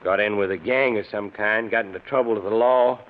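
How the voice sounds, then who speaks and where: This muffled, hiss-laden old radio recording features an actor in an old-time drama voicing a dutiful, gloomy mountain man with a folksy rural American accent. His voice is on the low side, natural, and fairly quick, his mood glum and confiding.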